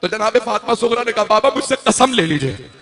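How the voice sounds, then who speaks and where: A man's voice: high voice, expressive, fairly quick, a bit bright. A male religious orator delivering a mournful majlis sermon recital, impassioned and lamenting, climbing to tearful cries.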